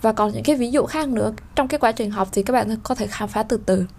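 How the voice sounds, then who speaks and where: A woman teaching French pronunciation, explaining slowly with fillers and sounding out vowels. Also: a little high, a little mellow. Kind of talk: spoken lesson.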